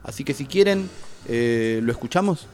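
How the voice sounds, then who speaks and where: A man's voice: mid-range voice, animated, normal speed, darkish tone. A man with an Argentine accent hosting a school community radio show, talking hesitantly as he introduces segments. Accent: Argentine Spanish. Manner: hesitant, many fillers and restarts while introducing segments.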